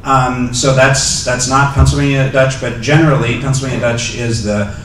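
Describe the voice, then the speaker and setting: A middle-aged guest lecturer with a mid-range, steady voice answers audience questions at a moderate pace from a podium, holding a handheld mic. His replies are hesitant, full of ums and restarts, and the echoey lecture-hall audio is captured from far off with a little hiss or hum.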